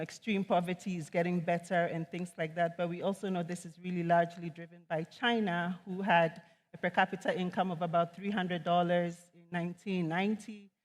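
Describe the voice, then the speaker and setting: A woman's voice: on the low side, darkish tone. Woman speaking in a reverberant hall. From Ghana. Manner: measured, earnest, with frequent ums. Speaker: economist and conference speaker. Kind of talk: conference talk. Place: large conference hall.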